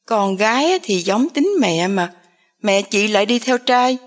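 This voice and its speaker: A woman's voice: medium pitch, animated, a little slow, natural voice. A woman voicing a spiteful, jealous young woman. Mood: taunting. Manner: spiteful, taunting.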